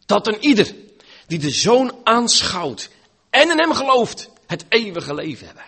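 A man preaching a sermon, dramatic, swinging between loud pleading and hushed, near-whispered lines. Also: high-pitched, big pitch swings, a little slow, breathy edge.

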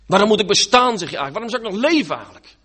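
A preaching man with a husky, fairly high voice that rises and falls widely. He moves between loud pleading and hushed, almost whispered lines. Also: expressive, rapid-fire. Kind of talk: sermon.

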